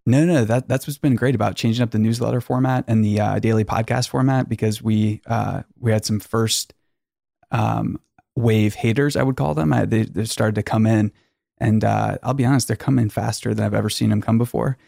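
A male podcast host with a slightly low, gravelly voice, recorded close and dry in a garage. He rambles casually and jokes drily. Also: steady tone, brisk, warm tone, no room sound.

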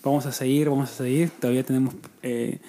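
A man co-hosting a podcast, talking in a relaxed, thoughtful way and laughing easily. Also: mid-range voice, fast talker. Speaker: podcast co-host. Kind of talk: casual chat.

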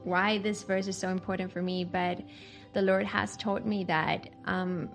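Podcast guest, woman from Chile, earnest reflective testimony, gravelly fry in the voice. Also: on the low side, fairly even intonation, unhurried, over music. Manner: earnest, reflective, many ums. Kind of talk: faith testimony conversation.

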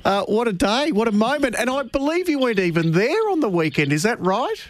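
A man's voice: very high-pitched, big pitch swings, a little fast, slight background noise. An Australian man hosting a racing radio show, asking eager, upbeat questions in an interview.

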